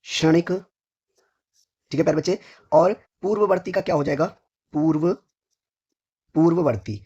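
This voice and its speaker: A hoarse man teaching a vocabulary lesson for exam preparation, who asks each question, answers it himself, and keeps addressing his students fondly. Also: a little high, moderate pace, dark tone, muffled recording. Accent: North Indian Hindi. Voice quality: husky.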